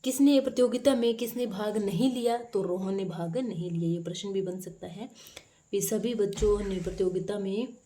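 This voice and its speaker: Female teacher, mellow and warm, reads a worksheet question then explains the answer step by step. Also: mid-range voice, normal speed. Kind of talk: workbook lesson explanation.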